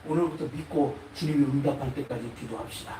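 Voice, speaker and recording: A man preaching a sermon to his congregation as pastor, animated and often prodding listeners with quick questions. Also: mid-range voice. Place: church sanctuary. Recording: echoey hall, mic far off, faint noise.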